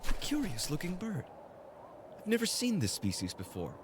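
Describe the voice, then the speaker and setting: In a game cutscene, a man voices a proud, possessive royal fiancé, speaking formally in a stern, commanding manner. His voice is high-pitched with wildly swooping pitch at normal speed, and the recording is very noisy.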